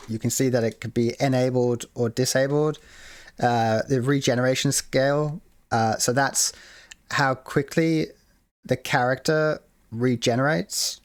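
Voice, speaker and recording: A man's voice: mid-range voice, dry recording, clean studio sound. A man hosting a casual screen-share tutorial on building a game mode, rambling with many fillers and restarts. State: hiccuping. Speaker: game modding tutorial host.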